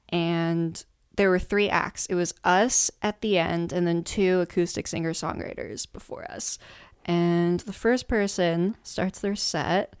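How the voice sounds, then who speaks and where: A woman's voice: on the low side, smooth. A woman musician telling a story in a casual interview, laughing often and rambling with fillers. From United States. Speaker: musician guest.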